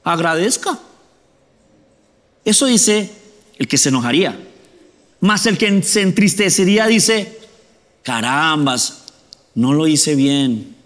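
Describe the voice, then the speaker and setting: A man's voice: on the high side, fairly bright tone, in a large hall. A male pastor preaching a sermon conversationally, often asking the congregation questions.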